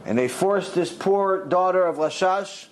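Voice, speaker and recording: A man's voice: unhurried, a little hiss or hum, low-quality recording. A rabbi telling a dramatic story in a sermon, acting out the characters' lines as he goes. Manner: dramatic storyteller, voices the characters with big pitch swings.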